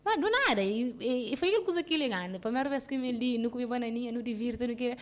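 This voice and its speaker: A woman with a Cape Verdean Creole accent speaks with a slightly high voice. Her telling is halting and full of restarts. She keeps checking whether the listener understands, mostly subdued, with sudden bursts of emphasis. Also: expressive. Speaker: interviewee. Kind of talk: personal account in a casual interview.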